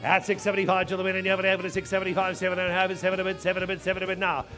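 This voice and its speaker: A man's voice: sits high, little pitch movement, racing, pushed and bright, soft background music. A man working as an auctioneer, calling bids live in a repetitive chant of numbers and filler phrases.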